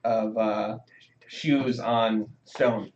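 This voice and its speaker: A man's voice: lowish voice, steady tone, drawn-out words, a little mellow, a little hiss or hum. A man narrating as game master, rambling with lots of fillers. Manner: rambling, full of fillers and hedges. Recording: dull lo-fi sound.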